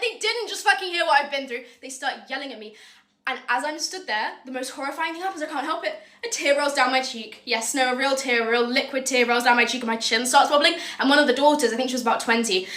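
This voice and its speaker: A young woman telling a casual storytime, swearing freely and tagging lines with "right?". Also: on the high side. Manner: swears freely, animated, keeps asking "right?".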